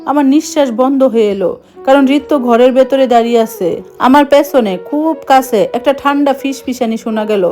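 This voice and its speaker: A woman telling a suspenseful first-person story in an even, hushed narrating voice. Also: sits high, a little fast, faint music behind.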